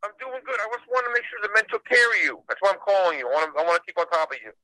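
A man heard over a phone on speakerphone, his high voice bright and sharp. He talks very fast and in earnest, tripping over and repeating his words. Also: sing-song, dry recording, poor audio. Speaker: caller from a roofing company. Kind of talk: casual phone call.

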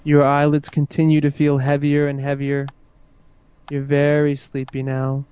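A man guiding a listener into hypnosis with slow, soothing, repetitive suggestions. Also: on the high side, completely flat delivery, mellow, clean tone, highs cut off. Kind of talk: guided hypnosis induction.

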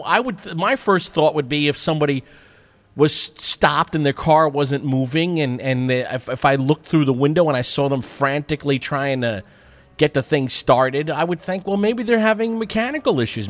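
Profane, self-mocking male storyteller. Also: a little high. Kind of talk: personal storytelling monologue.

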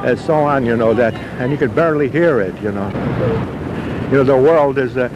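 A man in his late sixties reminiscing in a rambling, halting, repetitive way, often saying "you know". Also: mid-range voice, dull audio. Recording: noisy outdoor field recording.

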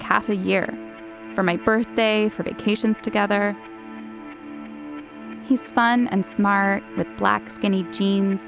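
Candid woman host narrating over clear music. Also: mid-range voice. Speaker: show host. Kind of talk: personal scripted narration.

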